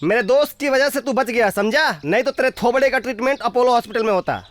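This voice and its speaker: A man's voice: very high voice, fast talker. A man dubbing a crude, dim-witted thug who threatens and taunts a captive. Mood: threatening. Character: rough bullying male thug, crude and dim. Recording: film dub with loud music underneath.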